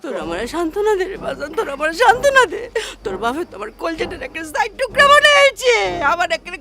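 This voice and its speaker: A woman's voice: very high-pitched, very animated, fast. A woman playing a tearful, aggrieved village mother in a comedy drama, speaking with a Sylheti Bengali accent and wailing her complaints.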